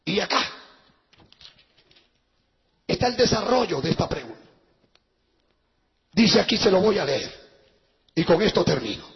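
A pastor giving a fervent, shouting testimony sermon. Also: male voice, sits high, very animated, measured pace, long pauses. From Peru. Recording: dull with long hall reverb.

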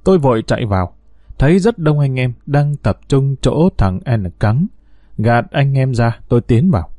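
A man's voice: mid-range voice, expressive, normal speed, mellow, no echo, studio quality. A man telling a first-person ghost story in a tense, earnest way.

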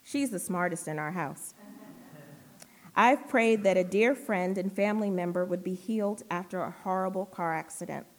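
A middle-aged woman preaching a sermon in an earnest way, reading scripture slowly and emphatically. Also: on the low side. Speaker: lay preacher giving the sermon.

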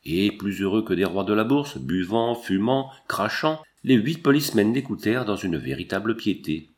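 A man narrating a novel in a measured storytelling manner. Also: fairly low pitch, lively intonation. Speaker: audiobook reader. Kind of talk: scripted narration.

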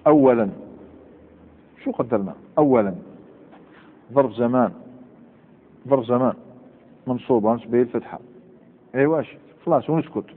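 A man's voice: mid-range voice, moderate pace, long pauses. Algerian man teaching grammar, echoey tinny lecture. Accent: Algerian Arabic. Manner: repeats examples and quizzes students. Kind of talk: classroom lecture. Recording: tinny lo-fi with long hall reverb.

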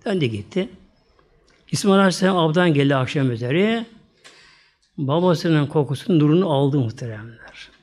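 A male preacher with a somewhat high voice tells a sacred story to his listeners. He addresses them directly and softly trails off at the ends of his phrases. When the characters speak, he voices their lines in his own voice. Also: lively intonation, moderate pace, pauses often. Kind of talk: religious storytelling talk.

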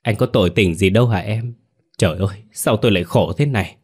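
A man's voice: deep voice, normal speed, natural voice. A man playing a scheming young husband who fakes tender concern and pleads. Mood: pleading. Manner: falsely caring, pleading.

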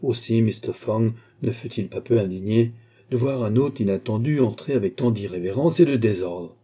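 A man reading a novel aloud in measured audiobook narration. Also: on the low side, warm tone, slightly rough. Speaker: reader.

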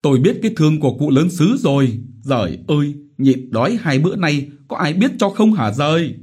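Desperate poor widow, wailing, pleading, raised pitch, husky, played by a man, audiobook. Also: sing-song, a little fast, darkish tone.

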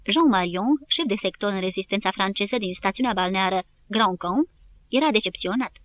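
A woman narrating a war history audiobook in an even, measured reading. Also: medium pitch. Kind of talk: scripted narration.

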